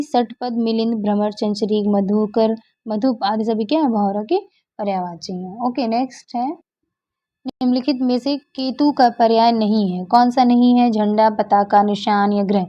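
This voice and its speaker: A woman's voice: a little high, steady tone, normal speed, dark tone. A woman teacher walking through exam questions, asking and then answering her own questions. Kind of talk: exam-prep lesson explaining answers. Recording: dull lo-fi recording.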